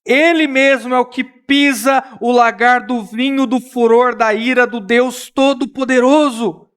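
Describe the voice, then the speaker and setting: Brazilian pastor preaching with high, dramatic swings. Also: male voice, steady tone, clear, resonant tone. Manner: dramatic, acts out quoted voices with rising pitch and shouts; drops to quiet, slow emphasis at key points. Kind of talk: expository sermon. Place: church.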